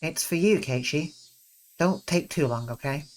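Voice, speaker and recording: A reader voicing a hurried middle-aged mother in a visual novel, polite but brisk and slightly raised in pitch. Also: lively intonation, lightly acted. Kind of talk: reading a visual novel aloud.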